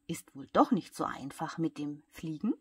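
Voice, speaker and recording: A woman's voice: mid-range voice, animated, a little slow, husky, dry recording, studio quality. A woman doing a cheeky young boy. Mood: mocking. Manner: mocking, shouting.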